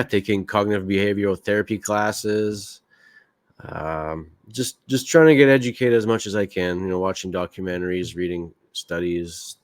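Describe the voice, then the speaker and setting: A low-voiced man from Quebec, Canada hosts a casual solo podcast, speaking candidly and rambling with plenty of fillers. The sound is studio quality with no echo.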